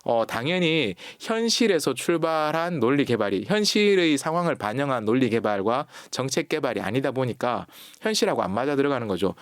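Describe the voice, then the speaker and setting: A man talks as an author guest in a studio interview, his voice sitting in a middle register. The sound is dry and close, with no room in it. He explains with animated, acted-out quotes. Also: mid-range voice, no room sound. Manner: acts out quoted lines in lively voices while explaining. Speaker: author guest on a radio talk show. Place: radio studio. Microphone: studio microphone.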